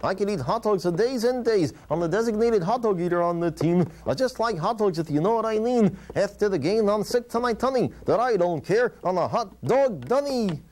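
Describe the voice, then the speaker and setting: A man voicing a cheeky, wisecracking boy ventriloquist dummy in a squeaky, eager puppet-show voice. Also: expressive, fairly quick, hardly any pauses, a little mellow. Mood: playful. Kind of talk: puppet show comedy patter.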